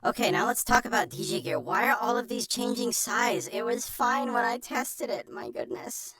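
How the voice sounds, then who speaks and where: A streamer with an artificially pitch-shifted chipmunk voice gives an informal, self-deprecating how-to presentation in a chatty manner. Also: expressive, normal speed, sharp tone, no room sound. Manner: chatty, self-deprecating, breaks off into muttered asides. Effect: pitch shifter giving a chipmunk voice.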